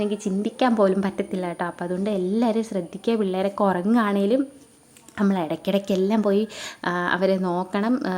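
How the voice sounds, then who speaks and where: A young woman vlogger with a Kerala Malayalam accent talks quickly, her words tumbling out. She tells the story in an emotional, chatty way, scattering fillers and little asides to her viewers. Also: mid-range voice. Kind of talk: casual storytelling vlog.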